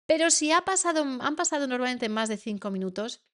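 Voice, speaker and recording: Earnest high-voiced Spanish woman coach. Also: animated, a little fast. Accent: Spain Spanish. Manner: earnest, repeats words for emphasis. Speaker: parenting coach. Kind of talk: spoken masterclass for parents.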